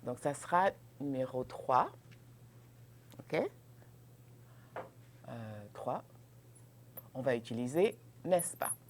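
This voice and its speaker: This French grammar teacher has a bass voice with lively intonation, speaking slowly and leaving long pauses. She explains in English, exaggerates the rising pitch of French questions, laughs lightly, and frequently asks "ok?" during the bilingual lesson. There's slight background noise.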